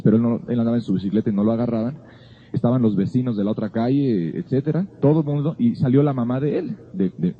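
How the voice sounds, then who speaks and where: A man's voice: medium pitch, husky. A man giving an earnest Bible teaching, telling a personal story in a conversational way. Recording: phone-like narrow sound.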